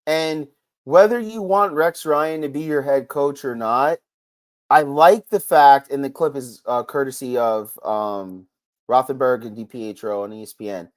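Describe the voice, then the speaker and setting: A middle-aged man hosting a sports podcast, talking in an excitable, rambling way with big swings in pitch and loudness. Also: a little slow. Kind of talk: casual sports commentary.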